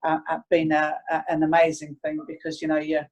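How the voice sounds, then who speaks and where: A woman's voice: low voice, monotone, brisk, a little mellow, lo-fi sound. A woman, reflecting earnestly and hesitantly as she tells stories in a casual interview. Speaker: interviewee, sports team staff member.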